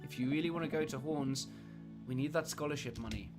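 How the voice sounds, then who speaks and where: A man's voice: mid-range voice, brisk. A young streamer with a mid-range voice, chatty and playful as he reads game dialogue and jokes at his own expense. Game music runs underneath the whole time. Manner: chatty, playful, self-mocking. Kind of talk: let's-play commentary, reading game dialogue aloud.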